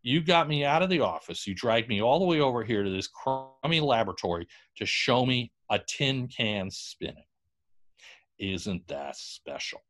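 Guy doing a fed up money man, drawling and sarcastic, voice dipping low. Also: sing-song, moderate pace, fairly bright tone. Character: sarcastic unimpressed male business backer.

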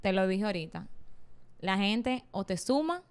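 A woman's voice: medium pitch, expressive, measured pace, noisy background. A woman with a Dominican accent co-hosting a casual podcast chat, emphatic and explaining herself with repeated checks that she is understood. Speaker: podcast co-host. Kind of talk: casual chat among friends.

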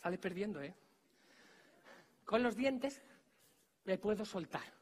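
A man with a Spanish accent performing a live comedy magic act, teasing volunteers and giving them quick orders on stage. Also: high-pitched, lively intonation, a little hiss or hum.

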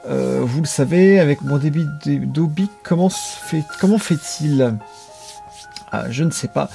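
A man casually chatting with viewers as he hosts a live stream of old adventure games, rambling in a relaxed way. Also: a little high, a little slow, creaky, soft background music.

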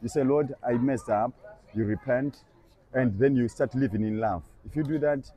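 This is a street evangelism conversation: a young man on a busy shopping street earnestly persuades a passer-by, repeating scripture line by line. He speaks at normal speed in a mid-range voice, and the recording has its highs cut off.

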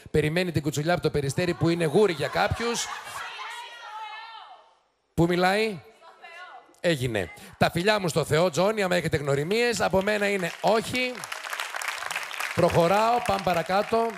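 With a high voice marked by vocal fry, a man hosts a TV show, firing off quick, mocking, sarcastic jabs at the studio audience. Loud laughter and cheers fill the noisy studio.

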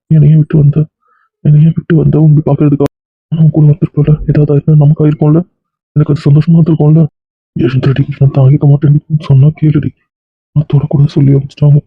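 Man voicing a heartbroken husband, husky fast pleading, flat tone, tinny phone-like sound. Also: fairly high pitch, no room sound. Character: heartbroken young husband at his wife's hospital bed. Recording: phone-like dry recording.

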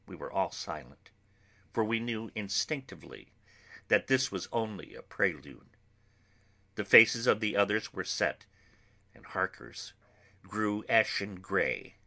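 Man, audiobook narrator, scripted reading, measured, dramatic, lively melody, bright tone. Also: on the low side, creaky.

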